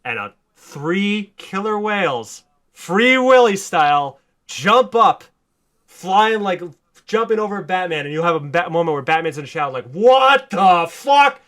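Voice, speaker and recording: A man hosting a podcast, telling a story in excited casual chat, swearing a lot and rising to near shouts. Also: sits high, normal speed. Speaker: podcast host.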